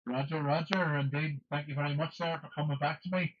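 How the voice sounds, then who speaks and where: A man's voice: on the high side, fairly even intonation, fairly quick. A man working as an amateur radio operator, calling in formulaic procedural phrases and phonetic spelling, with radio static. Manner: formulaic, spells call signs in phonetic alphabet. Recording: dull sound, faint radio static.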